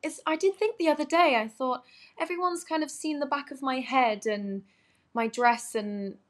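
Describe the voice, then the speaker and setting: A woman's voice: high voice, normal speed. A woman with a Surrey, Home Counties English accent chatting as a guest in a casual interview, gushing and a little self-effacing. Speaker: interview guest, musical theatre performer.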